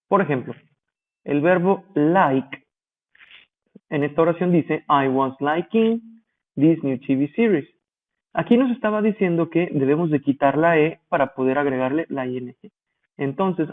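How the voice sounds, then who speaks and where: A male teacher giving a grammar lesson, explaining rules slowly and spelling out letters, pausing to check that listeners follow. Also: on the high side. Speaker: English teacher. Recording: tinny phone-like audio.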